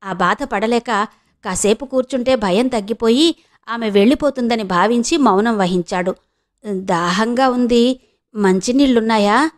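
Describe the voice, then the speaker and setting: Woman narrating an audio novel, raised pitch. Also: normal speed. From Andhra Pradesh, India. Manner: steady storytelling.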